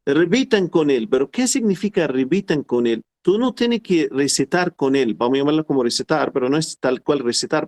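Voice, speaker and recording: Middle-aged man teaching a class, slightly high voice, patient and repetitive. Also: darkish tone. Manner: explains slowly and repeats phrases, quotes Arabic formulas. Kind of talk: online class lecture.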